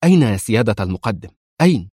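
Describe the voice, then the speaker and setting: A man voicing a defiant young female lieutenant in an audiobook, raising his voice somewhat higher for her. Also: very animated, mellow, slightly rough, no room sound, studio quality. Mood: eager. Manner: defiant, quick to surprise.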